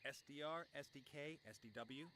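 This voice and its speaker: A man's voice: fairly high pitch, fairly quick, bright, forceful tone, slight background noise. A man playing a cheeky, easygoing adventurer in a fantasy video game, with a casual, wry delivery. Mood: coaxing. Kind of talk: video game character acting. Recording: game music behind the voice.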